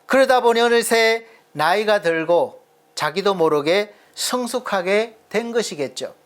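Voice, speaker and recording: Male pastor, high voice, earnest sermon, rhetorical questions, middle-aged. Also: expressive. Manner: earnest preaching, rhetorical questions, slows for emphasis.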